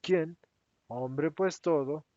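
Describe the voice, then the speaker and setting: An indignant, defensive apostle who keeps protesting, his voice pushed higher and louder than the narration, as a male reader acts him out. His pitch swings widely. The recording is dry and a bit dull. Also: big pitch swings, unhurried, no room sound. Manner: agitated, protesting, raised voice. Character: resentful, defensive male apostle Judas, adult.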